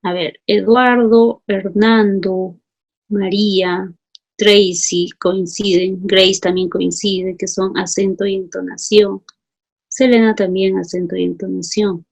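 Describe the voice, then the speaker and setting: Here a woman teaching a class has a gravelly, mid-range voice with fairly even intonation, and she takes things slowly. Her accent is Peruvian Spanish; she calls students by name, reads their answers out, and asks why.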